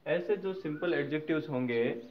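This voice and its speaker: A man's voice: a little high, normal speed. Man teaching English grammar, dull recording. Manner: checks in with viewers often; spells out word endings letter by letter. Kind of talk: explaining grammar lesson. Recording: slightly dull recording with faint noise.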